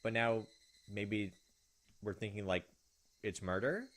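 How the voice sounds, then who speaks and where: In a fairly low but fairly bright voice, a gaming video host talks at a slow pace through a casual let's play, sometimes reading the visual novel's text aloud and sometimes offering his own reactions.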